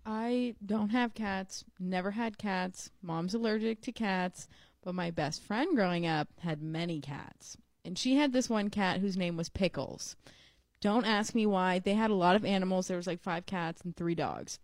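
A woman's voice: medium pitch, a little slow, darkish tone, no echo. A young woman chatting casually and telling stories with lots of fillers. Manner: chatty storyteller, many fillers. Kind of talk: casual chat.

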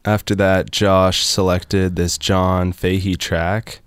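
Deep-voiced, even-toned male radio host. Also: takes it slowly, clear, resonant tone, dry recording, clean studio sound. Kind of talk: casual on-air music chat.

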